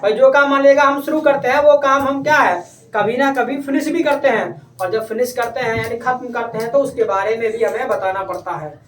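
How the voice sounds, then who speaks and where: A man's voice: very high voice, a little fast, a bit bright. A man teaching a classroom English lesson, coaxing his pupils and repeating his questions. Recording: echoey room, distant mic, faint noise.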